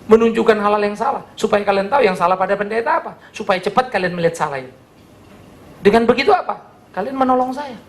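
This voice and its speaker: A male pastor preaching a sermon with an Indonesian accent, earnest and animated, asking his congregation questions. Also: high-pitched, fast. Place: church service.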